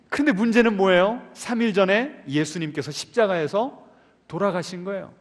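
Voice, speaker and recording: Lively preaching man in a reverberant church. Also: high voice. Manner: lively, keeps asking the congregation questions. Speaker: pastor. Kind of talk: Sunday sermon. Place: church sanctuary. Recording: long reverb of a church hall.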